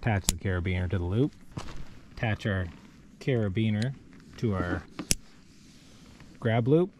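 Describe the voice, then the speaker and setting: Against a noisy background, a man speaks in a low voice, a bit slowly, as he rigs ropes by hand for a kayak rescue on a rocky riverbank. The plain, methodical, step-by-step instructional demo is recorded by a wearable camera on his body.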